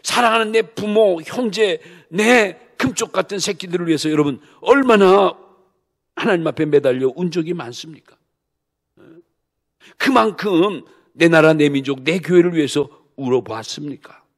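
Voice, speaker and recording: A man, a senior pastor, preaching a sermon with emphatic rhetorical questions to the congregation, swinging from soft low asides to loud bursts. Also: lively intonation, normal speed. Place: church sanctuary.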